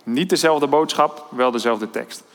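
A man's voice: medium pitch, measured pace, a bit bright. Preacher man in a reverberant church hall. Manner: thoughtful, hesitant with many fillers and restarts. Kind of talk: sermon.

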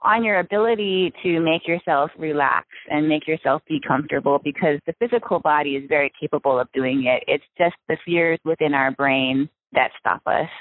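A young woman from Hawaii, a freediving spearfisher, talking casually as an interview guest with many ums and soft laughs. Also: sits low, normal speed, few pauses. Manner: relaxed, chatty with frequent ums and soft laughs. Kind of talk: casual interview over the phone. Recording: tinny phone line, dry.

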